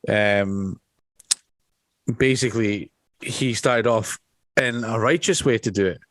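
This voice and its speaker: A man's voice: on the low side, slow, fairly bright tone, dry recording. A man co-hosting a podcast, talking bluntly in casual chat with swearing and dry jokes. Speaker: podcast co-host.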